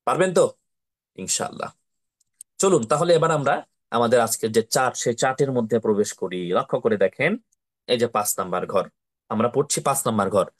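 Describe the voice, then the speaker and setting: A man teaching how to read the Quran, slowly repeating syllables and asking his pupils to say them with him. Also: mid-range voice, animated. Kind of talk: slow drilling lesson with repetition.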